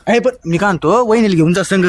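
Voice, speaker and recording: A man's voice: sits high, fast, slight background noise, close to an everyday voice. A man playing a bossy elder brother. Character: bossy elder brother busy running a wedding. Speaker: actor in a village comedy.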